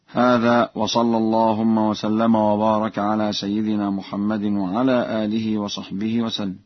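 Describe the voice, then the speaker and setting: A man teaching Quran reading variants, explaining calmly and chanting the verses slowly as examples. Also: lowish voice, dry recording, dull audio. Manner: measured explanation broken by slow chanted verses.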